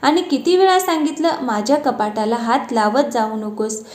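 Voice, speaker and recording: A woman's voice: fairly high pitch, expressive, moderate pace, darkish tone, echoey room, close to an everyday voice. A woman reading the part of a demanding, sulky teenage girl who complains to her mother, in a storybook narration. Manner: complaining, bossy.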